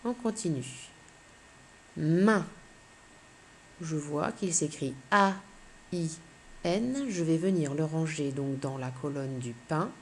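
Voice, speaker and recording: Woman, primary teacher, slow deliberate phonics lesson, letter-by-letter spelling, slightly low voice. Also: slight background noise. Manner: patient, spells out letters one by one. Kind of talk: slow, clear phonics lesson for young children.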